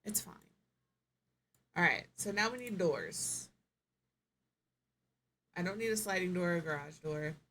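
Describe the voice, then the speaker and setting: A woman with a fairly low voice streams live gameplay commentary, thinking aloud as she clicks through options. She muses, trails off and corrects herself in a casual, chatty way. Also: unhurried, long pauses, a bit bright, slight background noise.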